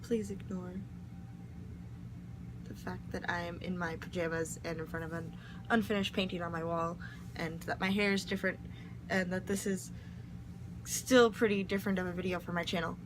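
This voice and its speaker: A woman's voice: on the low side, steady tone, moderate pace, long pauses, noisy background. A young woman, host of her own channel, reading her poetry aloud and then explaining it in casual, reflective chat from her bedroom. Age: young adult. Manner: earnest, reflective.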